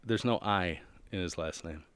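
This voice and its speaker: A radio co-host with a fairly low voice who answers with dry, teasing retorts. The studio sound is close and dry. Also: male voice, normal speed, fairly bright tone, clear, resonant tone, no room sound. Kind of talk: casual on-air banter. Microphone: studio microphone.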